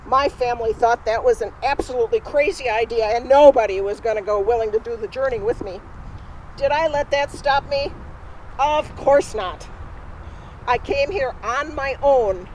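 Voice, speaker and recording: A woman's voice: a little high, darkish tone, a little hiss or hum, close to an everyday voice, poor audio. A woman in costume playing a spirited, independent Norwegian immigrant woman, telling her story in first person straight to a live audience outdoors. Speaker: costumed re-enactor. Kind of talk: first-person historical re-enactment. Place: outdoors at a cemetery.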